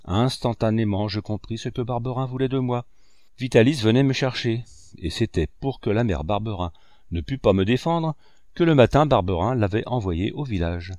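A man reading a classic novel aloud as an audiobook narrator, measured and expressive. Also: mid-range voice, no room sound, clean studio sound.

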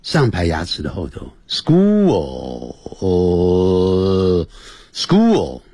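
A man teaching English on a radio lesson, explaining patiently and repeating words slowly for pronunciation. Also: mid-range voice, huge pitch swings, darkish tone, husky, dry recording.

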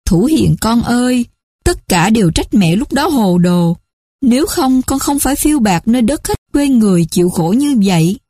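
A woman's voice: a little high, animated, unhurried, darkish tone, dry recording, studio quality, pitched above the performer's own voice. A woman voicing a remorseful stepmother in her fifties, speaking tearfully and pleadingly in a told story.

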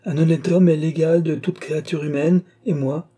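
A man's voice: on the high side, fairly even intonation, normal speed, mellow, slightly rough, pitched above the performer's own voice. A man voicing an earnest, devoted young man of humble birth who pleads humbly.

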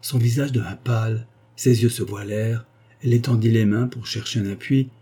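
A man narrating a classic novel as an audiobook, in a measured, dramatic reading. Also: mid-range voice, fairly even intonation, warm tone, breathy edge. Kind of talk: scripted narration.

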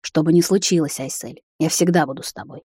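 A woman reading a novel aloud voices a protective male vampire lord in a measured, courteous tone. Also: sits low, dark tone, husky, no echo. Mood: calm.

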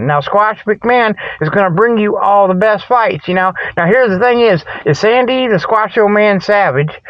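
A high-pitched man hosts a comedic mock news report, speaking with no room sound on lo-fi audio. His rambling comic monologue spoofs sports and ad reports in a folksy, colloquial style that often loses its thread.

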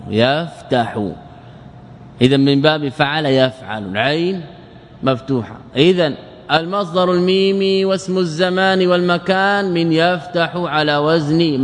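A man with a fairly high voice leads a classroom lesson on word forms. He asks his class questions, answers them himself, and lingers over each pattern he spells out. His voice carries a long hall reverb. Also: slight background noise. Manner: quizzes listeners and answers his own questions, drawls out word patterns slowly. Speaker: teacher of Arabic morphology. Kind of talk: classroom lesson explaining a verse text.

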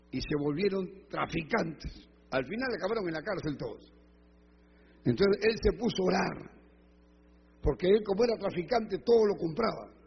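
A male pastor preaches, telling stories and acting out the voices of his church members. His voice is fairly high and very husky. The church recording is dull and lo-fi, with a long reverb trailing off the walls. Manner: storytelling, acting out quoted voices, rising to loud emphatic peaks. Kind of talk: sermon.

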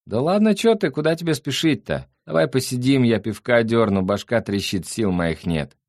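A man voicing a spoiled, lazy young man who talks in loud street slang. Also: medium pitch, lively intonation, normal speed, no room sound, studio quality, voice pushed up, close to an everyday voice.

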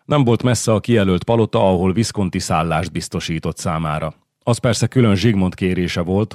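Deep-voiced male audiobook narrator. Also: no echo, clean studio sound. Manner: steady, measured storytelling. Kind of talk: scripted narration of a historical novel.

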